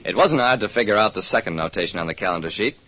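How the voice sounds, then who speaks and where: This man both narrates and leads an old radio mystery as a wry, shrewd private eye with a probing air. He speaks at a racing clip in a lowish, bright, forceful and expressive voice, captured on a muffled old recording.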